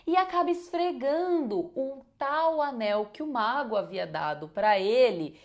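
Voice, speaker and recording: A woman telling a fairy tale in a casual, animated way, full of rhetorical questions. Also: high-pitched, unhurried. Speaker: storyteller. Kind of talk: casual storytelling.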